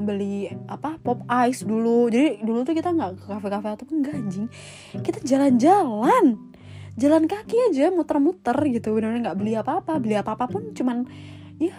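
A woman's voice: on the high side, warm tone. A young woman hosting a casual podcast, telling a personal story in slangy, chatty speech full of swearing. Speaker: podcast host. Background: faint guitar music.

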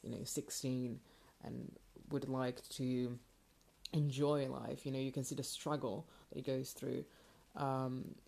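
Rumbling low, slow and gravelly, a woman's warm voice holds a level tone as she hosts a solo podcast. Her delivery is casual, hesitant and rambling. She's recording in a home garage with indoor parking, using a makeshift mic instead of a proper one, so the result sounds amateur.

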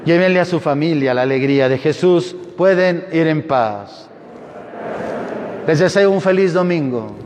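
A man serving as a priest, leading Mass prayers and blessings in a solemn, measured way, recorded inside a large church. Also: fairly high pitch, lively intonation, darkish tone, a little hiss or hum. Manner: solemn, measured liturgical delivery. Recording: long reverb of a large church.

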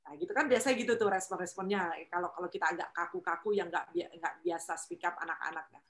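Lively woman giving faith talk. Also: on the low side, fast. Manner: lively, acts out quoted voices, frequent tag questions.

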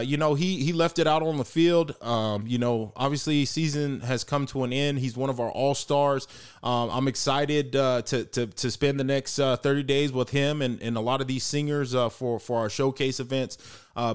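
A man co-hosting a casual sports podcast, talking with many hesitations and getting excited and slangy. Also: medium pitch, normal speed, clear, resonant tone. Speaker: podcast co-host.

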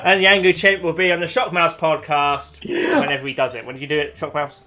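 A man's voice: a little high, sharp tone. A man co-hosting a podcast, trading brash, mock-threatening trash talk in casual banter. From United Kingdom. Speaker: podcast co-host.

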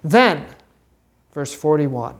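A woman's voice: low-pitched, very animated, extremely slow. A middle-aged woman teaching a catechism class to children, asking questions and prompting answers patiently. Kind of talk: classroom Bible lesson with children.

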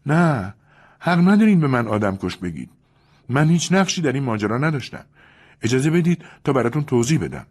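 A man's voice: medium pitch, big pitch swings, husky, pitched above the performer's own voice. A man voicing a cunning young woman in an audiobook, defiant and pleading by turns. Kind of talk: audiobook character reading.

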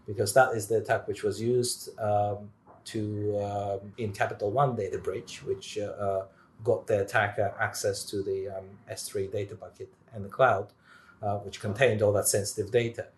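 A man talks as a guest expert in an interview, his voice sitting a little low. He rises sharply when he stresses a point, then drops back. He pauses often with fillers and restarts his sentences. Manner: animated, many fillers and restarts. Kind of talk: technical interview talk.

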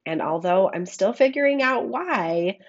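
A woman podcast host with a scratchy frog voice, hoarse from a cold, giving a reflective monologue and addressing listeners affectionately on a makeshift microphone. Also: mid-range voice, lively intonation, measured pace, highs cut off. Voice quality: scratchy, froggy voice. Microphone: makeshift microphone, not a studio one.

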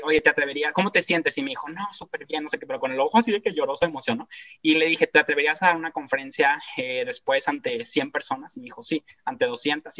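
A man with a Mexican Spanish accent, telling a story as a guest in a casual, animated, slangy way. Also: a little high. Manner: animated, slangy, acts out quoted voices. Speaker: guest speaker. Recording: dull lo-fi sound.

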